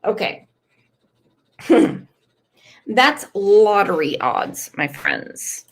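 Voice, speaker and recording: She draws out her words in a medium-pitched voice heavy with vocal fry. Hosting an easygoing live stream, she reads chat aloud and comments with animated, emphatic swearing despite losing her voice.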